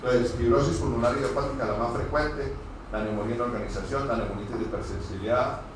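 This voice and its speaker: A pulmonologist from Cúcuta with a northeastern Colombian Spanish accent gives medical trainees an informal lecture in a mid-range voice, hurried and digressive with stammered false starts. He speaks to a group in a very echoey room, picked up by a distant mic with lots of noise.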